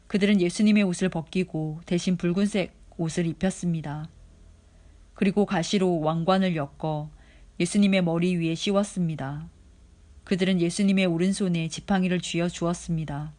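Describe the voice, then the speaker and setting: Daily Bible reader, measured and steady, mid-range pitch. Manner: steady, measured reading pace. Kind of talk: scripture reading.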